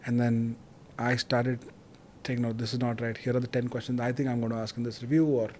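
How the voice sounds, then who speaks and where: A man hosting a podcast, telling stories in an animated, casual way. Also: mid-range voice, a little hiss or hum. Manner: animated storyteller, quick bursts of detail. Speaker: podcast host. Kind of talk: casual interview chat.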